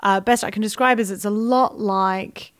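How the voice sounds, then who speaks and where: Clear-voiced Australian woman, casual chat. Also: mid-range voice, fairly even intonation, normal speed, no room sound, clean studio sound. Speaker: podcast co-host.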